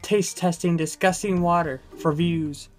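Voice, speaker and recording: A young adult man rambling casually in a vlog with a low-energy, goofy manner, recorded indoors close to the camera. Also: steady tone, measured pace, soft background music. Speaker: YouTuber. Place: indoors in a room. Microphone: camera close in front of him.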